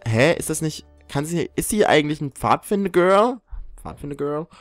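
A man's voice: fairly high pitch, lively intonation, normal speed, soft background music. Chatty young man joking over a game. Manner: chatty and joking, teasing the game characters, frequent laughs. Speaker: let's play host. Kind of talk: casual gameplay commentary.

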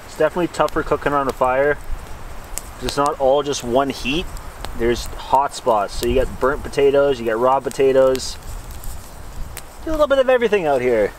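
A young outdoor vlogger jokes and banters laid-back to camera while cooking over a campfire in snowy woods. His mid-range voice is expressive at normal speed; the camera sits a few feet away, and the low-quality outdoor recording has clear background noise.

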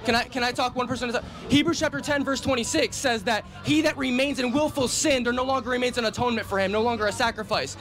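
A man's voice: extremely high pitch, quick pace, few pauses, fairly bright tone, faint music behind, some chatter behind. A man preaching on a city street outdoors, insistently quoting scripture and cutting in with questions.

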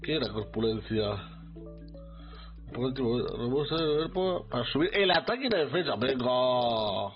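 A man with a Spain Spanish accent giving excitable live commentary on his gameplay, talking to his chat. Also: mid-range voice, a little slow, dull audio, soft background music. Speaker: streamer.

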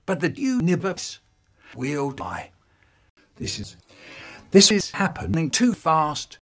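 Guy voicing a brooding god-being, husky and slow, words spliced together so pitch and volume jump all over. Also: wildly swooping pitch, a bit bright, heavily acted. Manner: jumpy, uneven delivery from word to word. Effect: spliced together words from clips. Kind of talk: sentence-mixed monologue.

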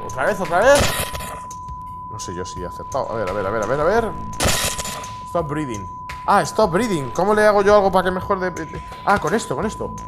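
A man doing excitable gameplay commentary, bursting into shouts and laughs between mumbled asides. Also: sits high, a little fast, pauses often. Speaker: gaming video host. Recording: music playing behind.

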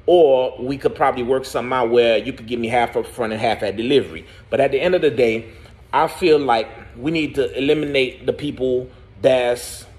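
A man's voice: mid-range voice, darkish tone. A man in his thirties with an American accent, an owner-operator truck driver talking casually and emphatically into his phone at home, repeating "driver" as a refrain. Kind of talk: casual selfie video rant. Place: living room at home. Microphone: phone camera at arm's length.

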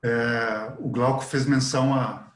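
A man's voice: medium pitch, steady tone, takes it slowly. A middle-aged man from Chile, a professor speaking unscripted and earnestly on a video call with a headset, dropping frequent fillers. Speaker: professor, webinar panelist. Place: office with artwork behind. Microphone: earphone headset on a video call. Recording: echoey room on a video call.

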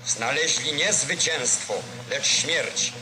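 Declamatory old newsreel man, higher-pitched. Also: takes it slowly, low-quality recording. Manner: solemn, declamatory, formal delivery. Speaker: newsreel narrator. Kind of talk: old 1940s newsreel narration, scripted. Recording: vintage 1940s newsreel soundtrack with music.

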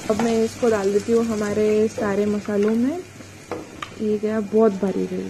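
A woman's voice: medium pitch, level tone, moderate pace. A woman, hosting a casual cooking tutorial and explaining each step as she cooks. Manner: chatty, explains each step while stirring. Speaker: cooking channel host. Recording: noisy kitchen with frying sizzle.

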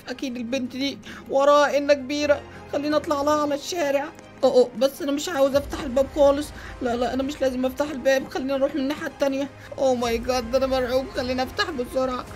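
A woman with an Egyptian accent voicing a Roblox story, with panicky, rapid exclamations. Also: high voice, flat delivery, faint music behind. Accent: Egyptian Arabic.

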